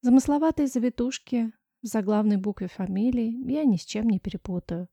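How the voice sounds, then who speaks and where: A woman reading a first-person audiobook story in a measured storytelling voice. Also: a little high, gravelly, dark tone, dry recording. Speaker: audiobook narrator. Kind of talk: scripted first-person narration.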